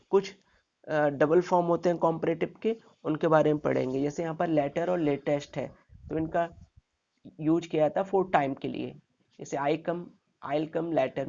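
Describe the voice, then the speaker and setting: A man's voice: fairly high pitch, vocal fry, darkish tone, dull audio. A man teaching a grammar lesson step by step, asking his class rhetorical questions and checking in with "okay" after each point.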